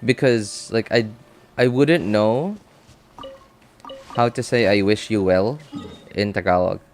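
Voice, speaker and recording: A game streamer from the Philippines whose first language is Cebuano thinks aloud in casual live-stream chat, halting, with many fillers and restarts. His voice is low, and there's a little hiss or hum.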